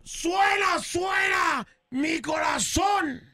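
A man's voice: high-pitched, lively intonation, normal speed, heavy background noise. A man playing a grandiose male faith healer in a comedy radio sketch, calling everyone brother and sister and chanting incantations.

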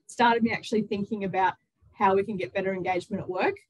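An excited, chatty woman with an Australian accent, telling personal stories casually as an interview guest. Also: mid-range voice, fast, slightly rough, poor audio. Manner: excited, chatty, with quoted self-talk. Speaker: interview guest, author and workplace culture consultant.

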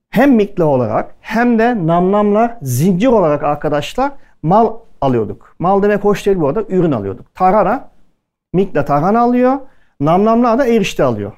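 Man, from Türkiye, culinary event speaker, casual storytelling, acts out quoted dialogue, slightly high voice. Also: very animated, fairly quick, darkish tone. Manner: chatty anecdotal delivery, acting out quoted dialogue. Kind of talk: casual storytelling talk to an audience.

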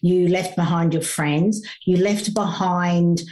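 A middle-aged grief coach explains her process in a conversational interview, earnest and teacherly, with lots of fillers and restarts. Her voice is lowish, steady, slow, and darkish in tone.

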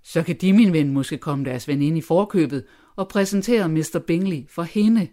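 Brief: wry, deadpan husband and father, mildly mocking and unhurried , as a reader puts him on. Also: medium pitch, lightly acted. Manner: dry, teasing, sarcastic. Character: dry sarcastic middle-aged father and husband. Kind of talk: audiobook character voice.

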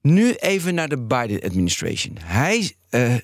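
A man in a lively podcast debate who argues his point and thinks out loud. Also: mid-range voice, normal speed, dry recording, clean studio sound. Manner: animated, argumentative, thinks aloud.

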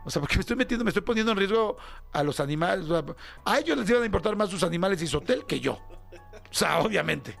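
Man, Mexican Spanish accent, casual animated storytelling, gravelly voice, faint music behind. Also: fast. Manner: animated, slangy, acts out other voices with big pitch jumps. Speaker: podcast host.

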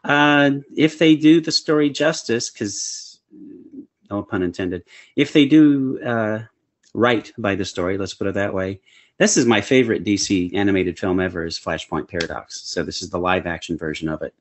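A man's voice: fairly low pitch, normal speed. A man co-hosting a casual podcast, upbeat and chuckling as he talks. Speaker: podcast co-host. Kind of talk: casual chat about comic book films.

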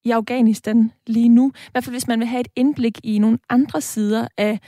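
A woman's voice: a little high, fairly even intonation, warm tone, no echo. Dry-sounding woman interview host. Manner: measured, guiding questions. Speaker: radio/podcast host. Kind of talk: literary interview.

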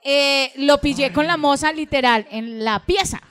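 A woman with a Colombian accent telling a story on a live comedy podcast, animated and full of swearing, acting out the quotes. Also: high voice, measured pace, no echo. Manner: animated, profane, acts out quotes. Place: live show venue, Bogotá.

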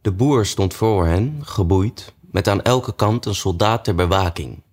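Low-voiced man reading a storybook. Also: measured pace. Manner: relaxed reading with frequent "eh" fillers. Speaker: narrator.

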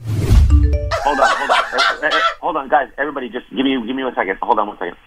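A man's voice: medium pitch, expressive, fast talker, over loud music. A man on a phone call, nervous and hesitant, stammering over his words. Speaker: caller on a radio prank call. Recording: phone line.

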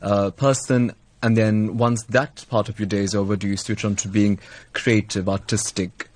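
Husky male interviewer. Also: on the low side, little pitch movement, moderate pace, darkish tone, no echo. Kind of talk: conversational interviewing.

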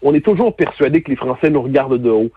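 A man's voice: mid-range voice, animated, fast, breathy edge. A man with a Québécois French accent, interviewed as a guest commentator, arguing emphatically with frequent stammered restarts, heard over a muffled phone line. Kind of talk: argumentative interview talk. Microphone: telephone.

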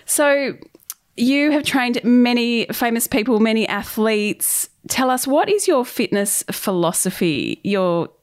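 A woman with a croaky, slightly tired voice, hosting a podcast in a chatty, informal way. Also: a little high, expressive, slow pace. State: croaky and fatigued from illness. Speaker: podcast host. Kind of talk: podcast introduction and interview questions.

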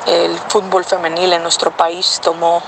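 Woman ex-player, flat, proud, measured delivery; clear street noise behind. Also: fairly low pitch. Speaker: former national team footballer. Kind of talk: reflective testimony.

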